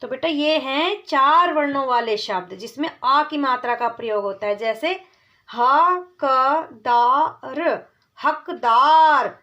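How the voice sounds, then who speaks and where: High bright woman teaching kids slowly. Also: muffled recording. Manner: addresses children as "beta", drawls each word slowly and repeats it. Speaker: Hindi teacher for children. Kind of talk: children's reading lesson.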